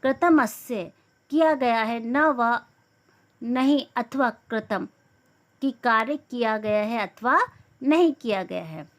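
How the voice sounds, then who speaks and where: A woman's voice: fairly high pitch, slow. A young woman teaching a lesson, reading each verse aloud and then explaining it word by word, sometimes correcting herself. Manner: corrects herself mid-sentence.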